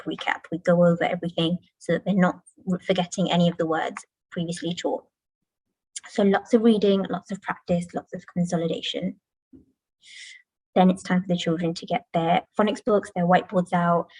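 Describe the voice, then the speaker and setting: Female teacher, parent presentation; low pitch, dry close sound, patient and clear. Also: no echo, poor audio. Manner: clear, patient explaining with modelled classroom chants. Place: school, indoors.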